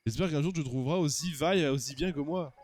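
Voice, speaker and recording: A proud, suspicious young woman from a video game, blunt and demanding, with a gruff put-on accent as a man lowers his voice to play her. The accent wobbles and slips in and out. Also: fast talker, mellow, slight background noise, natural voice. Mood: stern. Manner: lower voice with a clumsy mock foreign accent.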